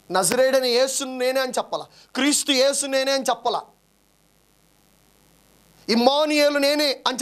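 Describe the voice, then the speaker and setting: A man who is a pastor, preaching a sermon, swinging between raised calls and low, quiet lines.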